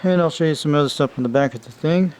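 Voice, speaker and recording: A man talks fast in a fairly high voice that's darkish, clear and resonant. Holding up a vintage CB radio, he gives his viewers a casual, rambling show-and-tell, calling them "you guys," in noisy home-video audio.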